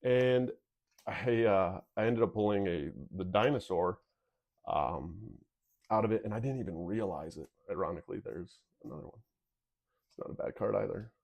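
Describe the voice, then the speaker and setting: A man with a low voice chats casually as he opens card packs for viewers. His nose is sniffly and whistles as he talks. He rambles along candidly. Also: normal speed, gravelly, darkish tone. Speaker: video host. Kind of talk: casual card pack opening commentary.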